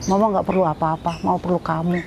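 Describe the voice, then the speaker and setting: A woman's voice: flat delivery, fast, creaky, background noise. Emotional middle-aged woman telling her story. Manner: emotional, rising pitch when moved. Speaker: interviewee. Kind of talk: personal testimony interview.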